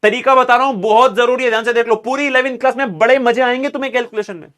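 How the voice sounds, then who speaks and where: A man's voice: extremely high pitch, steady tone, very fast, a bit bright. A man teaching a chemistry class, mixing phrases into his explanation, calling students "beta" and urging them to make some noise. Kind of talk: classroom lecture.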